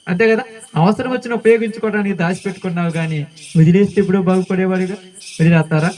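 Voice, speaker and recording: A man's voice: high voice, a little mellow, rough recording. A male pastor preaching a sermon in a colloquial style, often putting questions to the congregation.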